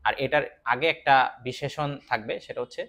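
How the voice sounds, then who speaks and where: A man's voice: medium pitch, fairly quick, fairly bright tone. A young man with a Bangladeshi accent teaching English vocabulary, spelling words out letter by letter and adding chatty asides about his own life. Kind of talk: vocabulary lesson.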